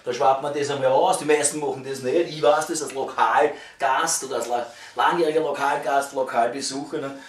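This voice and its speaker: A man's voice: medium pitch, fairly even intonation, brisk, hardly any pauses. A man in his fifties with a Viennese accent rants casually like a grumbling waiter, swearing and stumbling over repeated words in agitation. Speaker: waiter venting about the job. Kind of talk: casual rambling vlog rant. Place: at home, indoors. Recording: roomy echo, distant mic, clicks and noise.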